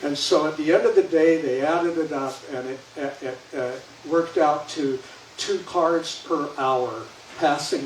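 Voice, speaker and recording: A man's voice: mid-range voice, far from the mic. An older man giving an anecdotal slide presentation as a guest speaker, rambling and often restarting his sentences. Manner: rambling, with frequent restarts and repeated words. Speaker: guest speaker at a historical society. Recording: echoey hall taken from afar with faint noise.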